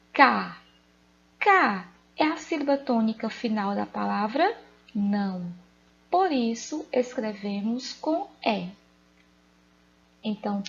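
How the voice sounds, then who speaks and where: A woman teacher with a Brazilian Portuguese accent, giving a recorded lesson to children, slow and emphatic, repeating rules and asking questions. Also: a little high, lo-fi sound.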